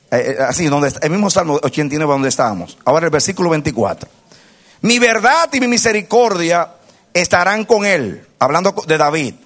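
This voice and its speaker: A pastor preaching a sermon, leading the congregation in call-and-response and swinging from low murmurs to loud exhortation. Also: male voice.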